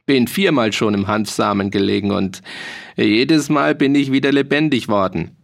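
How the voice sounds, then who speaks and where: A man's voice: mid-range voice, moderate pace, gravelly, natural voice. Brief: male reader as a hearty mercenary, boastful and merry, talking in old dialect. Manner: hearty, bragging, dialect-heavy. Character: boastful, jolly grown male mercenary soldier. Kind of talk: audiobook reading.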